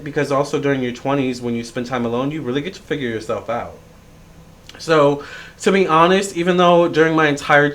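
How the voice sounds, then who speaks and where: A man's voice: medium pitch, a bit bright, slight background noise. Man in his thirties, rambling vlog. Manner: rambling, with many fillers and restarts. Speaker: tarot reader and astrologer. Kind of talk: casual reflective vlog monologue.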